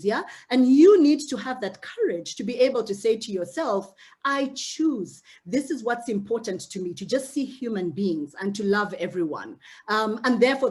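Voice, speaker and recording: Her voice is on the high side with a darkish tone. She's a middle-aged woman from Uganda, a mentor delivering an earnest, direct motivational talk to her group of young female mentees, and she tends to repeat words along the way.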